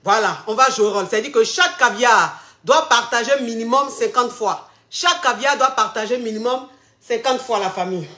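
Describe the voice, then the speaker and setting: A woman's voice: a little high, moderate pace, pushed and bright. A woman hosting a call-in live stream, theatrical with sing-song hype announcements. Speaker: call-in show host. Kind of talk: animated live-stream chat. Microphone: phone or webcam on a live stream. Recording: roomy echo.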